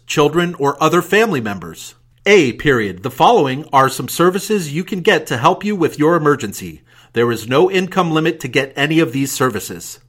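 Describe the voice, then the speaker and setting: A man's voice: fairly high pitch, a bit bright. A man reading a formal document aloud in a dictating manner, voicing punctuation marks and spelling out letters. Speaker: reader of a government document for audio. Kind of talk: scripted document read-aloud.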